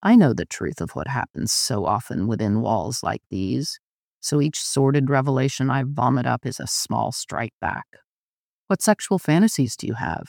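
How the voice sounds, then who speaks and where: A man reading a first-person literary story aloud in a measured, intimate narration. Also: mid-range voice, vocal fry, no room sound, clean studio sound. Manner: measured, intimate, often slow. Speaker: audiobook narrator.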